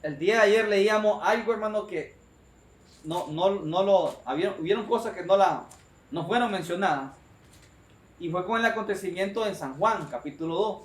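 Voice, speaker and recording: A male preacher delivering an emphatic, repetitive sermon and often addressing his listeners as brother. His voice sits high, and it rings through an echoey room. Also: normal speed.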